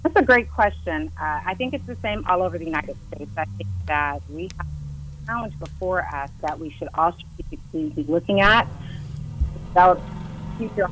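A woman on a phone call that cuts in and out, explaining things in a measured way as a guest. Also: lowish voice, expressive, a bit bright. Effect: phone call cutting in and out. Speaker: guest, county economic development director. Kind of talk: phone-in interview.

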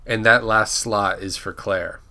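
A man's voice: on the low side, fairly even intonation, a little slow, bright, forceful tone. Man casually recapping an episode. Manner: rambling, restarts and self-corrects names. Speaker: podcast co-host.

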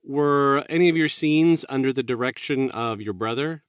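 A man's voice: medium pitch, normal speed, clean tone, no room sound, clean studio sound. A man hosting a casual interview, asking a guest questions in a friendly way and making puns. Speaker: podcast host.

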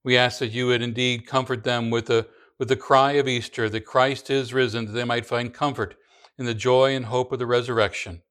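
A man leading a congregation in the creed and prayers, reading in a slow, measured recitation with small restarts. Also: medium pitch, fairly even intonation, a bit bright, clear, resonant tone. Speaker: pastor.

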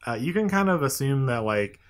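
A man's voice: mid-range voice, big pitch swings, brisk. Young man musing, hedging in chat. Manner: thoughtful, hedging, frequent agreeing backchannels. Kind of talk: casual chat.

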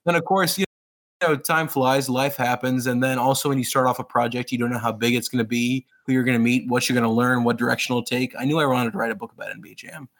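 A man in his thirties, raised in Pakistan, talking as an interview guest about his work. He speaks eagerly and loosely, piling on fillers and restarting sentences. His pitch sits in an ordinary middle range. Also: steady tone, fast talker, a bit bright. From grew up in Pakistan. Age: 30s. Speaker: author being interviewed. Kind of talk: casual interview storytelling.

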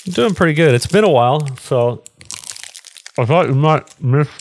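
A man's voice: fairly high pitch, expressive, moderate pace, slight background noise. A man co-hosting a podcast in casual banter, teasing and pushy, sometimes talking with his mouth full. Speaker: podcast co-host. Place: Texas.

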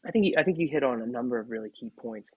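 A man's voice: medium pitch, lively intonation, racing, breathy edge, no echo, narrow, tinny audio. Chatty male podcast host, dry sound. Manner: chatty, rhetorical questions with "right?". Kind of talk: casual rugby talk.

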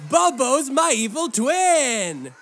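A woman playing a perky, childlike party clown sidekick with a drawn-out singsong delivery for children. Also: sits high, sing-song, full character voice. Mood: perky, playful.

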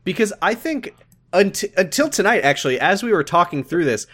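Lively-voiced man co-host. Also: high voice, fairly quick. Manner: dry, steers the conversation onward. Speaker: podcast co-host. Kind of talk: casual comedic chat.

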